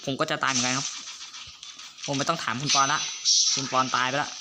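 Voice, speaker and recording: A man giving casual gaming commentary, excitable and teasing, with loud outbursts and swearing. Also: medium pitch, fairly quick. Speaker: gamer and video host. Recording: noisy home recording.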